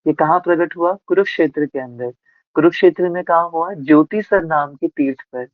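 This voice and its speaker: Guy giving a devotional talk, kinda high voice, tinny dry sound like over a phone. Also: normal speed, dry recording. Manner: storytelling, asks listeners rhetorical questions. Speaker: spiritual speaker. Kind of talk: devotional discourse.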